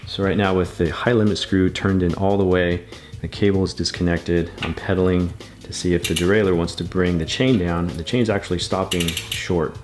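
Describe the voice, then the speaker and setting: A man giving a patient, methodical bike repair tutorial, talking through each step as he works. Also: low voice. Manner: patient, methodical, repeats steps.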